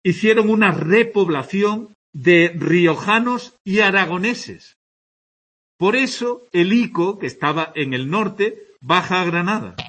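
A man's voice: high-pitched, slow, a bit bright, slightly rough. A tired man from Andalusia with an Andalusian accent, giving a conversational classroom lecture and often checking in with his students. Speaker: teacher. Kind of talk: classroom lecture on Spanish dialects.

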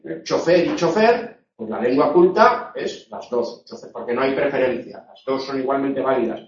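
A man from teaching a live online grammar lesson, explaining with jokey asides and checking in often with "eh?" and "no?". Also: on the high side. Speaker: Spanish language teacher. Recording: echoey, distant, dull room sound.

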